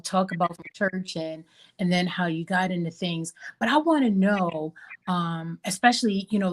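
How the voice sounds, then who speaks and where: Low-voiced woman podcast host. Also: low-quality recording. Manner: hesitant, many fillers. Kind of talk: interview questions.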